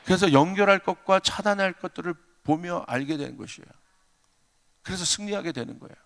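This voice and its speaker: A man's voice: high-pitched, a little fast, vocal fry, fairly bright tone. A male pastor preaching a revival sermon in a church, emphatic, calling out hallelujahs and telling stories. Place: church sanctuary. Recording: long church hall reverb.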